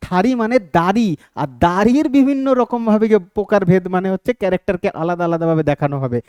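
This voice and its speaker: A man with a fairly high, clear voice gives an exam-prep lecture, walking through each point and pausing often to check that the students follow. The sound is close and dry, with almost no room echo. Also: darkish tone. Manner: explains step by step, keeps asking "ঠিক আছে?". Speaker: teacher.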